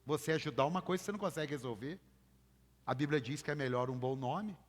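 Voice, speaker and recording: A Brazilian-accented man preaching in church, his voice sitting a little high. He drives his points home emphatically and keeps calling on the congregation to repeat after him. The sound carries a long hall reverb. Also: fast talker. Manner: emphatic, calls for congregation repetition. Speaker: pastor. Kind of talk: sermon.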